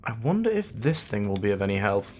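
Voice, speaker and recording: In an audio drama, a male actor plays the commanding, wry head of a band of secret investigators, a gruffly kind man who speaks in a measured, authoritative way. His fairly low voice has a sing-song lilt and a darkish tone, with a little hiss or hum on the recording, and the mood is wry and probing.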